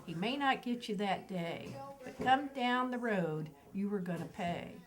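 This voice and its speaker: Older woman telling lively family stories. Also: mid-range voice, unhurried, a crowd in the background, rough recording. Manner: lively, laughs often, acts out the kids' quoted voices. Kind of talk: casual family storytelling.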